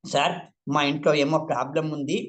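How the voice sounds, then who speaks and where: An older man tells his own story as a meditation teacher, his somewhat high voice rising and falling with feeling. He repeats words for weight and lifts his tone sharply whenever he quotes what others said. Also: fairly even intonation, brisk. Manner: emotional, repeats words, voice rises when quoting others. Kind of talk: personal testimony talk.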